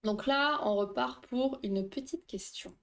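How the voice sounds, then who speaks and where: A woman's voice: on the high side, a little slow, vocal fry. A woman hosting a casual livestream, explaining dream science with a quiz, chatty and laughing often while reading chat aloud. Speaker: livestream host.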